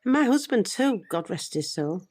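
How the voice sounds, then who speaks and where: In an audio drama, an older woman plays a British grandmother, loving yet full of regret, who confides her story in a reflective, measured manner. Her voice sits in the mid-range with a darkish tone and is very animated.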